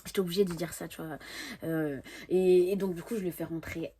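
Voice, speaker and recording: Husky-voiced young woman telling a story. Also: fairly low pitch, brisk. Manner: lively, animated, repeats words for emphasis, laughs often; imitates an English accent when quoting. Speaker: storyteller vlogger. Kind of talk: casual storytime monologue.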